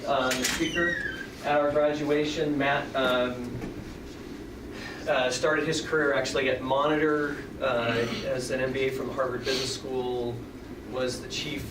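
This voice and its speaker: A man's voice: mid-range voice, level tone, measured pace. A man teaching a class, chatty and conversational with fillers. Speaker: professor. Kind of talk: classroom lecture. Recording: roomy classroom audio from far off, loud background noise.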